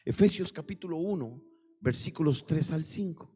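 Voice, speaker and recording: A male pastor preaching a sermon with passion, swinging into sudden loud emphatic bursts. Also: on the high side, animated, moderate pace, husky, faint music behind. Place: church.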